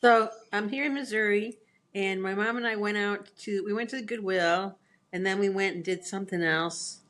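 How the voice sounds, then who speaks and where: A woman in a casual chat, telling stories in an animated way and laughing at herself. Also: mid-range voice, normal speed. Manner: animated storyteller, acts out quotes, laughs at herself.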